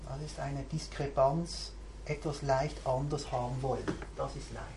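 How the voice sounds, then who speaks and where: A woman with an extremely low, darkish voice speaks at a measured pace and steady tone. She's a mindfulness teacher thinking aloud in a reflective, searching talk to a group, recorded in a roomy space with faint background hiss.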